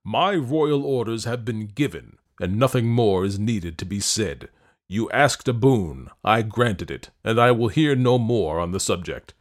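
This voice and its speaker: A man voicing a stern, quick-tempered king who booms his orders slowly and heavily. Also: expressive, a little mellow. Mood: commanding. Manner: booming, commanding, slow and heavy.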